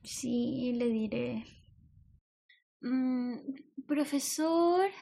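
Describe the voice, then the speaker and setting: A woman's voice: fairly high pitch, extremely slow, creaky, dark tone, full character voice. A woman with a Chilean accent playing a shy young schoolgirl getting her first period, talking in a hesitant, whiny way. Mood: unwell. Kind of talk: amateur audio drama acting.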